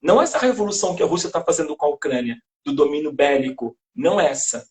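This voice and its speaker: A high-voiced Brazilian man talks on a live stream from a phone or call mic. He is an educator who speaks with passion and rhetorical flair, often asking a question and answering it himself. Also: lively intonation, fast talker, a little mellow. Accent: Brazilian Portuguese. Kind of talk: casual live-stream talk. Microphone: phone or video-call mic.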